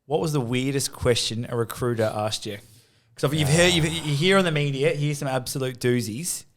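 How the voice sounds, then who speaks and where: A middle-pitched man co-hosts a podcast in casual chat. He chimes in with teasing jokes and quick banter. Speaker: podcast co-host.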